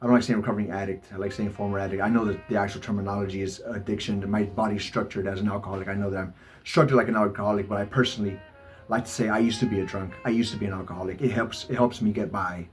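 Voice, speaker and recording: A man with a fairly low voice talks through a confessional vlog, stumbling and repeating his words as he goes. Faint music plays under him. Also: fairly even intonation. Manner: halting, many stammered repeats. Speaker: vlogger. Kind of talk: personal confessional monologue. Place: Los Angeles.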